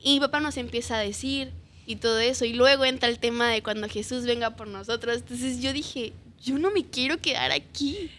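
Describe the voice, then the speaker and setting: Young woman, bright voice, slightly high, earnest faith testimony, questioning tags. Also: fairly quick, a little hiss or hum. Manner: earnest storytelling, often ending phrases with a questioning tag. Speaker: guest sharing her testimony.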